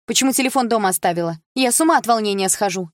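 A woman voicing an anxious, pregnant mother who shrieks and pleads in high-strung outbursts. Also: lively intonation, fast, darkish tone, breathy edge, dry recording, clean studio sound. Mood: alarmed.

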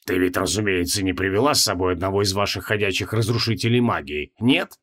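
A man reading an audiobook, voicing a weary, sardonic male demon prisoner in a low, subdued drawl. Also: quick pace, fairly bright tone.

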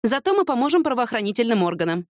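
A woman's voice: fairly high pitch, big pitch swings, fast, no echo, studio quality, pitched above the performer's own voice. A woman reading an audiobook, voicing a fiery, impulsive young woman with heated, emphatic retorts. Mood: insistent.

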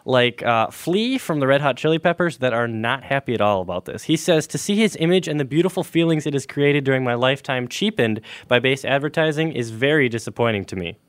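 A man's voice: medium pitch, animated, brisk, hardly any pauses, no echo. A young man hosting a college radio show, talking casually and rambling with fillers and restarts. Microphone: studio microphone.

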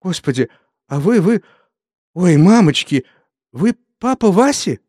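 A man voicing a shocked young village woman who shouts in breathless high bursts. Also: sing-song, measured pace, slightly rough, exaggerated voice. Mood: frantic. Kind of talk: audiobook character voice.

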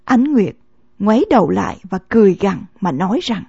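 A woman reading a novel aloud as an audiobook narrator, in measured storytelling narration, in a dull, lo-fi recording. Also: mid-range voice, sing-song, gravelly, mellow, slightly rough, no echo.

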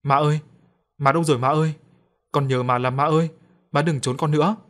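A man's voice: fairly high pitch, steady tone, a little fast, fairly bright tone, close to an everyday voice. A man voicing a small grieving boy in a spoken audio story, with a tearful, pleading manner. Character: small boy grieving, crying for his dead mother.

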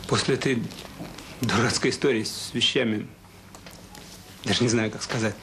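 In a Soviet radio drama, an actor plays a troubled, remorseful middle-aged father, speaking hesitantly and earnestly with bitter regret. His mid-range voice is fairly even in intonation, moderately paced and close to an everyday voice, with a noisy background.

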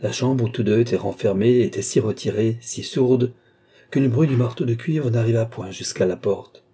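A male narrator reads a classic novel in a measured, literary way. His voice is very dark and somewhat husky, and the pitch sits in a middle range. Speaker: audiobook narrator.

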